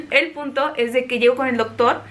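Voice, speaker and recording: A young woman with a Mexican accent telling a personal story in a chatty, animated way. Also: high-pitched, moderate pace. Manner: chatty, animated, acts out quoted voices. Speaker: vlogger. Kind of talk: casual storytelling.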